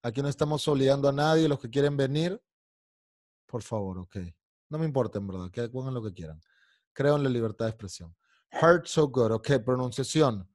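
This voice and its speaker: A man's voice: mid-range voice, normal speed, a little mellow, no echo, studio quality. Man teaching English over Spanish. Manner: explains in Spanish, sings and drills English lyrics; irritated, scolding a heckler. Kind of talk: online English class.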